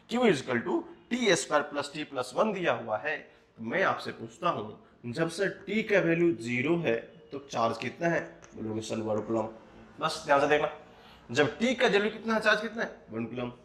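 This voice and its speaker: A man teaching a physics class, mixing Hindi and English and asking rhetorical questions. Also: fairly high pitch. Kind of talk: classroom lecture. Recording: roomy echo.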